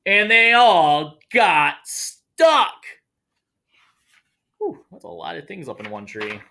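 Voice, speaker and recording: His voice sits high and gravelly, and he reads slowly as he shares a picture book with children. He's an elementary school teacher whose style is expressive and playful, with casual asides.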